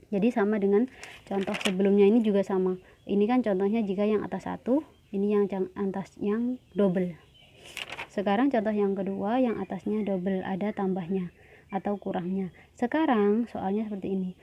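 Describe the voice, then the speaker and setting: A woman's voice: mid-range voice, fairly even intonation, normal speed, a little hiss or hum. Woman math teacher walking thru examples patiently, kinda dull lo-fi sound. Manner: patient step-by-step explaining, frequent "ya" checks. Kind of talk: whiteboard math lesson.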